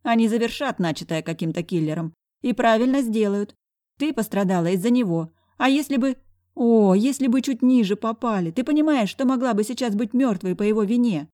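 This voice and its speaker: A woman's voice: on the high side, expressive, mellow, pitched above the performer's own voice, natural voice. A woman playing a brash, mocking woman friend. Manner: mocking, bossy, quick-tongued.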